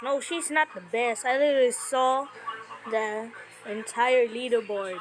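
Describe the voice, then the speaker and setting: This YouTuber, recording a reaction video, has a fairly high, steady voice and a measured pace. Her commentary is casual and derisive, full of slang and repeated phrases for emphasis, captured in low quality with loud background music.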